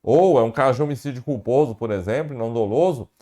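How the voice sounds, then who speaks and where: A man's voice: medium pitch, fast talker, dark tone. A man with a Brazilian Portuguese accent lecturing on law for exam prep, repeating key definitions and asking and answering his own questions. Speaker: law professor.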